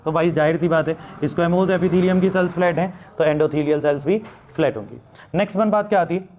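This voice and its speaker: A man's voice: fairly high pitch, brisk, darkish tone. A man teaching biology, asking questions aloud and answering them himself, drawing out key terms. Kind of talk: classroom lecture.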